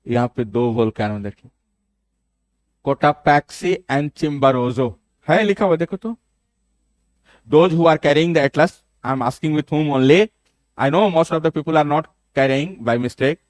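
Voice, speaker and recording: A man's voice: a little high, lively intonation, slow pace, pauses often, darkish tone, no echo. A male geography teacher lecturing a classroom, switching between Hindi and English and repeating key names for students.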